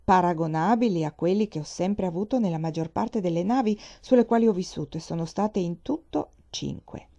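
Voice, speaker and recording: A woman's voice: lowish voice, fairly quick, few pauses, warm tone, muffled recording. A woman reading as a forthright navy wife. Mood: arguing.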